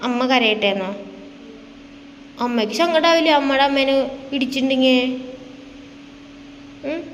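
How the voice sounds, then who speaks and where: High-voiced mother coaxing a little child. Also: expressive, moderate pace. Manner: coaxing, sing-song baby talk with many questions. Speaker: vlogger and mother. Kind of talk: casual chat with a small child. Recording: reverberant room with faint background noise.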